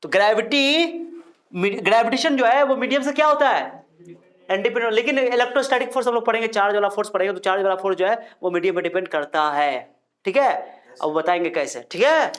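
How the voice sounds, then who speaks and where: High-voiced man teaching a physics class. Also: brisk, a bit bright. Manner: scolds and quizzes students, mixing Hindi and English terms. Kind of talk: classroom lecture. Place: classroom with students.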